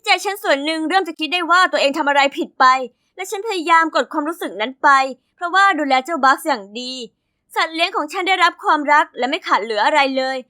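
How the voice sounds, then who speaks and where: A woman narrating a scripted animated life story in a chatty, sassy and dramatic way. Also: high voice, quick pace.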